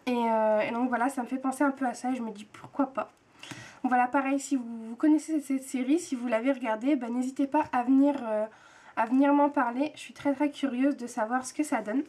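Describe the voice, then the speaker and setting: A woman's voice: high voice, darkish tone. A young woman from France chatting casually to her viewers, hesitant with many fillers and repeated words. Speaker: book and TV vlogger. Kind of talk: casual chat to camera.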